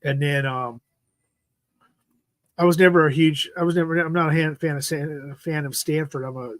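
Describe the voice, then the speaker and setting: A man's voice: fairly high pitch, steady tone, normal speed, no echo. A man in his fifties hosting a livestream, chatting casually about football in a rambling way, repeating himself and trailing off. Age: 50s. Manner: rambling, repeats "freaking", trails off mid-sentence. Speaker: livestream host. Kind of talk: casual sports chat.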